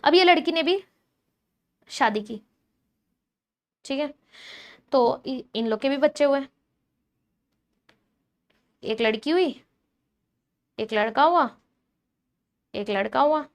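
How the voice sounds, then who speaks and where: A woman biology teacher giving a chatty, animated lecture, teasing and quizzing her students directly. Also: high-pitched, takes it slowly, long pauses.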